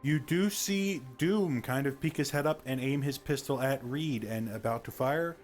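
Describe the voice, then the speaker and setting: A man's voice: mid-range voice, normal speed. A man acting as game master, casually moderating a tabletop role-playing game. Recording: background music under the voice.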